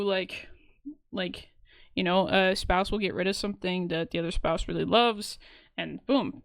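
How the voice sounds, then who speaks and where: A young woman who co-hosts a podcast and streams chats casually, rambling with lots of fillers. Her medium-pitched voice is a bit bright, recorded with clean studio sound and no room sound.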